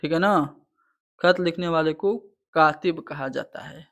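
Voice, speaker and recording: Male tutor, higher voice, patient step-by-step explaining, online exam-prep lecture. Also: measured pace, fairly bright tone. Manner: explains answers step by step, repeating "theek hai".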